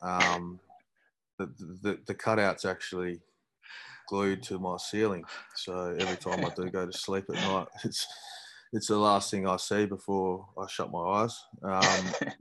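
A man's voice: low voice, level tone, measured pace, a bit bright, a little hiss or hum. A young Australian man chatting casually in a laconic, dry, self-deprecating drawl. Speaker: podcast guest, amateur footballer. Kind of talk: casual chat.

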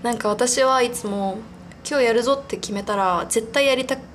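A young woman in her twenties hosts a relaxed solo podcast, her voice sitting a little on the high side. She rambles along in a chatty, giggly way, often poking fun at herself as she talks. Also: moderate pace, a little hiss or hum. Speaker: podcast host. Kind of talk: casual solo podcast monologue.

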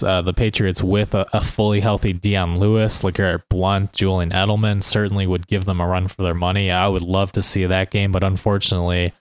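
A man's voice: deep voice, clean tone, no echo. A man co-hosting a sports podcast on a close mic, chatting casually and a little hesitantly. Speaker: podcast co-host. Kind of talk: casual sports podcast chat about fantasy football.

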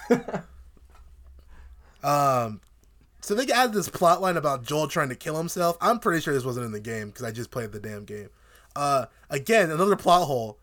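Animated young man ranting casually. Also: on the high side, moderate pace, pauses often. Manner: animated, profane, joking rants. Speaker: podcast co-host. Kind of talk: casual TV review chat.

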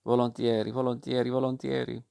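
An eager, naughty puppet boy pleading and promising, read by a man in a gravelly, flat-toned storybook voice. Both the boasts and the promises come out in the same level, creaky tone. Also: medium pitch, a little fast.

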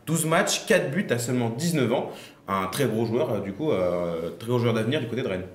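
A man's voice: mid-range voice, expressive, fairly quick, reverberant, a little hiss or hum. A man hosting a football panel show, introducing segments and handing over to guests. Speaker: host.

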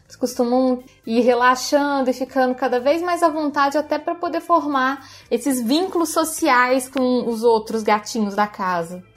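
A woman's voice: sits high, normal speed, hardly any pauses, soft background music. A Brazilian woman hosting a pet podcast, explaining cat behavior in a casual, friendly way. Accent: Brazilian Portuguese. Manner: explanatory, friendly, restarts phrases. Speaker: podcast host, pet expert.

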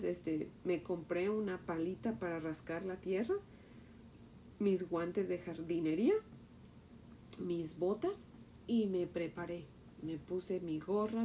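A woman's voice: on the low side, a little hiss or hum. Mexican woman telling a story in a sermon. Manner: storytelling, animated retelling, asks "¿verdad?". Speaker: Bible teacher. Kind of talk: Bible teaching with a personal story.

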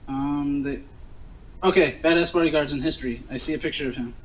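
A man's voice: a little high, fairly quick, fairly bright tone, low-quality recording. A man chatting casually as a co-host, giving blunt, profane, slangy off-the-cuff commentary. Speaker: co-host of a wrestling watch-along.

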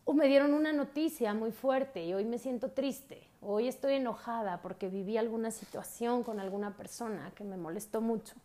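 A woman with a fairly high voice talks casually about feelings. She speaks straight to the listener and asks question after question. Her tone stays conversational, like a friendly teacher. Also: mellow. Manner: speaks directly to listeners, often asks rhetorical questions and adds a tag "¿no?". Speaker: host of an emotional wellbeing talk.

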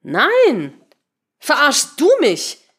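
A woman playing a shrill furious programmer. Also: lively intonation, normal speed. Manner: loud, high and exasperated. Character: furious young female programmer.

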